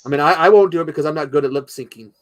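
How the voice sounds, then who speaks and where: Higher-voiced joking man, dry sound. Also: very fast, no room sound. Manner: stammering restarts, joking. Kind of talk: casual group chat.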